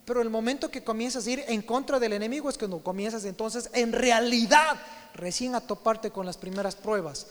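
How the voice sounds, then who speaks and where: A man preaching as pastor, emphatic, slowly stretching out the key words of his sermon. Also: very high voice. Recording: long hall reverb.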